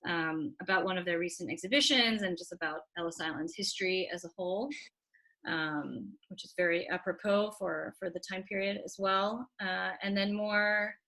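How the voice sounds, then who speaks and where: A woman's voice: lowish voice, normal speed, pushed and bright. A woman hosting an online talk over a video call, chatty and upbeat, announcing events and reading out audience comments. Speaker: webinar host.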